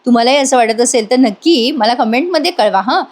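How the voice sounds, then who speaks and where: A woman tells a serial episode in a chatty voice-over recap. She strings the scenes together casually, with a fairly high pitch. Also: expressive, a little fast, a little mellow. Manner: chatty storytelling with tag words. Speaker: serial review narrator.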